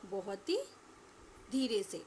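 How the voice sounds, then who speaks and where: With a medium-pitched, darkish and animated voice, a woman school teacher instructs young children amid slight background noise. She asks questions and answers them herself, stretching words out slowly so the pupils can repeat them.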